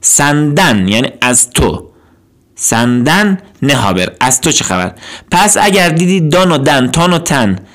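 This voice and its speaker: A man with a mid-range, slightly bright voice teaches a language lesson. He says each word slowly, then gives its meaning, repeating patiently.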